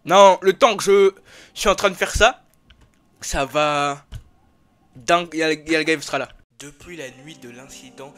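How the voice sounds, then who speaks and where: A man reading a scripted ghost story in a measured, subdued way. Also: fairly high pitch, fairly bright tone, clean tone.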